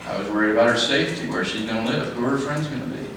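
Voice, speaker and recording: A middle-aged man giving a father-of-the-bride wedding speech in a halting way, repeating phrases and speaking in short sentences. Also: medium pitch. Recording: echoey, noisy room, distant mic.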